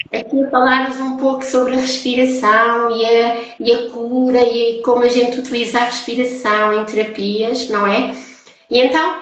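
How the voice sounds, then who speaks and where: A holistic therapist with a European Portuguese accent hosts a casual chat on a live stream from an online call. Her voice sits high, there's slight background noise, and the indoor room she's in is very echoey.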